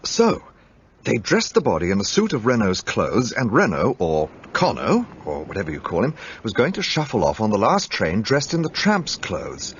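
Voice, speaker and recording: An actor playing an earnest, puzzled gentleman, asking question after question. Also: lowish voice, huge pitch swings, normal speed, husky, full character voice. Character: earnest English gentleman companion, eager and puzzled. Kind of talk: radio play acting. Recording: dull lo-fi recording, faint hiss.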